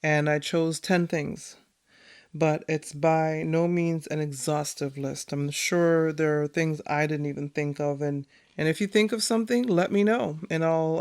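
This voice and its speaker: A woman hosting her own podcast, talking excitedly and chattily, laughing often, with many fillers. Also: low voice, a little slow, smooth. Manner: many fillers, reads from notes. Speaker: podcast host. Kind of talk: solo podcast monologue.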